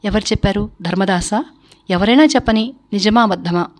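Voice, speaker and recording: A woman's voice: mid-range voice, normal speed, lightly acted. A woman reading the lines of a cheerful, teasing young landlord's son in a story, laughing and bantering as he talks.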